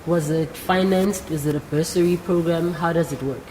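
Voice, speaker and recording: A South African woman hosts a live career talk show, interviewing before an audience of young guests, encouraging them and addressing them directly. Her voice is on the low side and dark, with a steady tone and normal speed. The hall echoes, with faint background noise.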